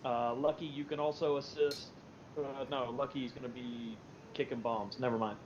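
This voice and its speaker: A man's voice: fairly even intonation, normal speed. A man acting as squad leader, giving casual tactical instructions over game voice chat. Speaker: squad leader in an online military sim. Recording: muffled, noisy game voice chat with rumble.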